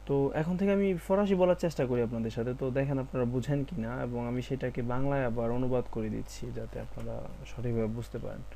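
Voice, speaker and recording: A man teaching a spoken French lesson, saying French phrases slowly, then translating and explaining them step by step. He keeps checking that his students follow along. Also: medium pitch, fairly even intonation, creaky, dark tone, slight background noise. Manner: often checks understanding with "ঠিক আছে?" and "d'accord?".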